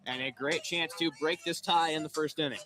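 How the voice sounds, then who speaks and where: A young man giving analytical, measured color commentary on a college baseball radio broadcast from a ballpark booth. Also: fairly high pitch, fairly even intonation, pushed and bright, faint music behind.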